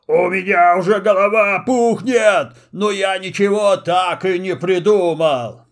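A man's voice: sits high, unhurried. A man voicing an angry, greedy bearded puppet-master who roars and growls, in a storybook reading. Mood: furious. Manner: roaring, growling.

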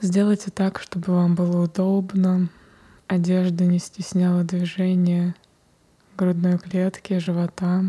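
A woman guides a breathing meditation in a soft, breathy whisper. Her voice is dark and mellow, and it stays low and even, with almost no rise or fall. She moves very slowly and unhurriedly. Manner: soft whispered, slow and calm.

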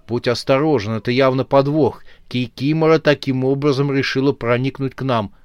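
A man's voice: mid-range voice, steady tone, normal speed, clear, resonant tone, dry recording, clean studio sound, natural voice. A man voicing a cocky, suspicious teenage boy who talks in brash slang, in a storybook reading. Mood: warning.

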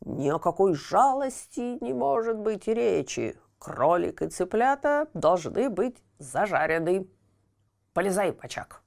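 A woman voicing a cruel, blustering male puppet master who barks and grumbles slowly. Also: mid-range voice, very animated, gravelly, darkish tone. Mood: angry. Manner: barking, grumbling, slow.

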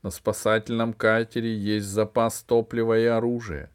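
Give me a man playing a serious elderly adviser from a storybook, low-ish. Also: level tone, moderate pace, smooth, natural voice. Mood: grave.

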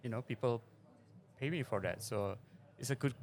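With a mid-range, slightly mellow voice and a moderate pace, a middle-aged Indonesian venture investor answers interview questions at a conference forum venue. He hesitates often, leaning on fillers and non-native phrasing.

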